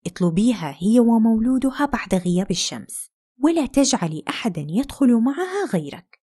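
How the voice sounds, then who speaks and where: A woman's voice: on the high side, sing-song, a little fast, warm tone, husky. A woman voicing a young princess and mother in a fairy tale, fearful and sarcastic by turns. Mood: anxious, haughty. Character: anxious proud princess, young mother, sharp-tongued.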